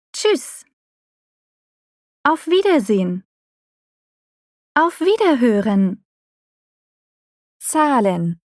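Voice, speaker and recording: A woman narrating a scripted language lesson, slow, expressive and clearly articulated, recorded on a studio microphone. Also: fairly high pitch, no echo.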